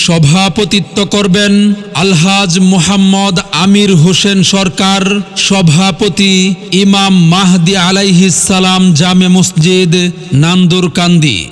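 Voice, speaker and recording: High-pitched man announcing in heavy reverb. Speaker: event announcer. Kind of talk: formal scripted public announcement for a religious gathering. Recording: long hall reverb, music behind.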